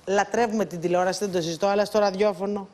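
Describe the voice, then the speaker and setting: A woman's voice: medium pitch, fairly even intonation, darkish tone. A woman mentoring a group of contestants, speaking in a playful, teasing way and calling them pet names. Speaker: guest mentor on a presenter contest show. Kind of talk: casual coaching talk to contestants.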